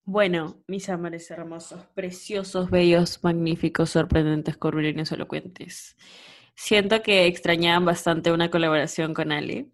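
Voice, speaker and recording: A woman's voice: on the low side, fairly even intonation, unhurried. A woman hosting a podcast, chatting casually and gushing over her listeners. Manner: effusive, gushing. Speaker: podcast host.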